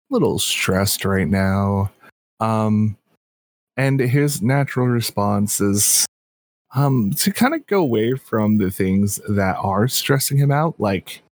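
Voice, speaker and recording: Slow, hesitant man playing a tabletop game. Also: mid-range voice, no room sound, clean studio sound. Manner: hesitant, many fillers. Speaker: player.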